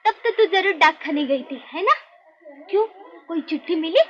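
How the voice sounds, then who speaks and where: A woman's voice: very high voice, lively intonation, normal speed. A woman playing a blunt, caring fellow labourer who chides her friend, in 1950s film acting. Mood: chiding. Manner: blunt, chiding. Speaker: neighbour. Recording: dull old film soundtrack with faint noise.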